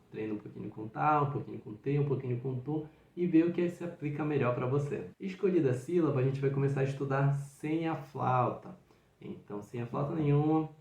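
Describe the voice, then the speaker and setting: A man teaches flute articulation, walking through each step with patient encouragement. His voice sits at a middle pitch. The room around him rings with noticeable echo. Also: creaky, darkish tone. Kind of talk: instructional video. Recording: roomy echo.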